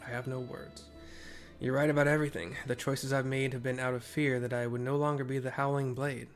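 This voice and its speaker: A man reading the lines of a remorseful male champion wrestler in a game, in a measured, earnest voice. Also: medium pitch, level tone, soft background music, natural voice. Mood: grave. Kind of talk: reading game dialogue aloud.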